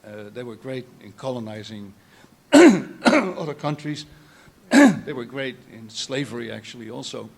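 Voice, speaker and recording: A man's voice: mid-range voice, sing-song, measured pace. Dutch-accented older man, rambling. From Netherlands. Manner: meandering, frequent restarts and throat clearing. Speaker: photographer, guest artist. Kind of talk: panel talk.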